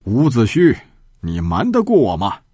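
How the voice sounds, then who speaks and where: A blunt, commanding general guarding a border pass, as a male storyteller plays him. The voice stays close to the teller's own mellow, husky tone. It is recorded dry and close. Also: mid-range voice, huge pitch swings, moderate pace, no room sound. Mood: stern.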